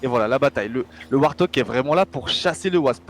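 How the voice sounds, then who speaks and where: Over faint gunfire and game noise, a man casts an esports match live with a mid-range voice, lively intonation, and a quick pace. His commentary is casual and conversational, and he repeats phrases a lot.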